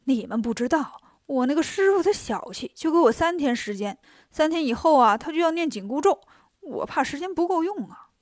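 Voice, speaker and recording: A woman voicing a cheeky, boastful male monkey king who talks quickly and cockily in a storybook. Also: sits high, big pitch swings, no echo, studio quality. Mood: eager.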